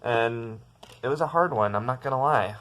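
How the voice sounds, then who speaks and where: A man's voice: medium pitch, normal speed, a bit bright. A young man telling a story about his bad day in a casual vlog from his bedroom, rambling and upset, with many restarts and fillers. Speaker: vlogger.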